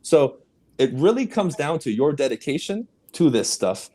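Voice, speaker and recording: Here the same kind of guest, a real estate coach speaking English as a second language after Spanish, gives a motivational podcast interview. He's emphatic and punchy, his mellow voice swinging widely in pitch at a moderate pace.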